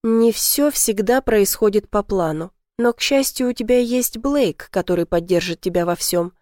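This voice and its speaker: A woman voicing a cheerful young best friend in a read-aloud story, soothing and gently teasing. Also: mid-range voice, normal speed, no room sound, studio quality, close to an everyday voice.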